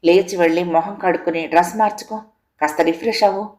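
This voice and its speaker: A woman's voice: fairly low pitch, fairly even intonation, fast, darkish tone, lightly acted. A woman reading the lines of an earnest, caring young man who speaks directly and eagerly in an audio story.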